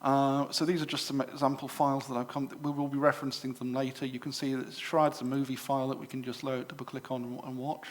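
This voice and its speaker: A middle-aged English man giving a live demonstration to a club audience, chatty and full of fillers and quick self-corrections. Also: mid-range voice, level tone. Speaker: presenter at a computer club show. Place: exhibition room at a club show.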